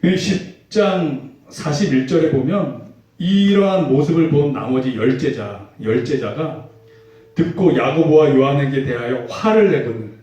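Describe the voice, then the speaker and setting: A male pastor preaching a sermon in a relaxed, conversational way, asking rhetorical questions. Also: on the high side, a little slow. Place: church sanctuary. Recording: echoey hall, mic far off.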